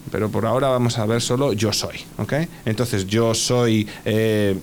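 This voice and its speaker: A man's voice: fairly low pitch, steady tone, a little slow, slight background noise. A man teaching an English lesson in Spanish on the radio, patiently spelling out words and checking with "ok?".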